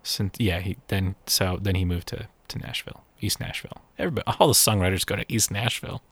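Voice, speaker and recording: A man's voice: low-pitched, fairly even intonation, fast talker, a bit bright, slightly rough. A young man co-hosting a podcast in a casual, rambling chat, with frequent restarts and laughs. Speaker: podcast co-host.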